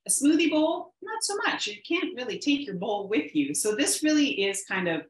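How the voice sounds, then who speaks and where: A Canadian woman hosts a live cooking demo from her home kitchen, chatty and upbeat with lots of ums. Her slightly high voice has a sing-song lilt at normal speed, and the kitchen gives a roomy echo.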